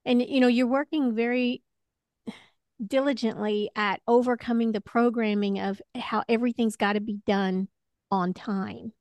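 A woman speaking as a spiritual healer and coach in a one-to-one conversation, gently reassuring as she guides. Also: on the high side, fairly even intonation, moderate pace, no room sound.

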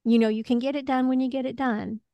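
A woman speaking as a spiritual healer and coach in a one-to-one conversation, gently reassuring as she guides. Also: sits high, fairly even intonation, fast, no room sound, dull audio.

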